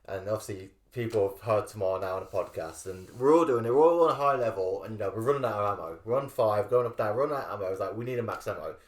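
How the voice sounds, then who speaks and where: A man's voice: fairly low pitch, quick pace, hardly any pauses. A young man co-hosting a podcast, telling loose, rambling gaming anecdotes with some swearing. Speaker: podcast co-host. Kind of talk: casual chat. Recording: roomy echo.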